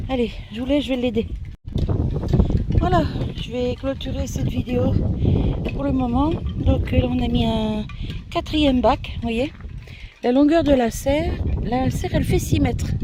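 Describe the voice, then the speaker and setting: A woman chatting casually as she shows her garden, slightly out of breath, with a stuffy nose. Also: fairly high pitch. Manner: chatty, showing viewers around, sniffly. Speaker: gardening vlogger. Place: outdoors in a garden by a greenhouse, windy. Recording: faint wind noise outdoors.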